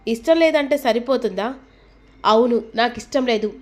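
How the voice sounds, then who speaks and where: A woman's voice: a little high, moderate pace, lightly acted. A woman reading the lines of a commanding elder woman of the household, speaking firmly and with authority. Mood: stern. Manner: firm, authoritative.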